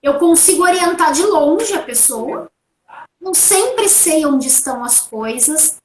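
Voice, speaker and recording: A woman from Brazil with a high voice, speaking as an interview guest over a video call. She talks in a relaxed, anecdotal way, and the room around her sounds echoey. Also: takes it slowly, a little hiss or hum. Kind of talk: conversational interview answers. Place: at home.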